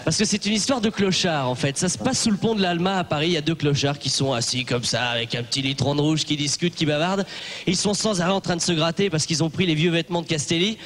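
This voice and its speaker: A man's voice: on the high side, quick pace, fairly bright tone. A man on a TV panel show telling a joke about two characters and acting out their dialogue. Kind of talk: comic storytelling on a TV panel show. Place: TV studio.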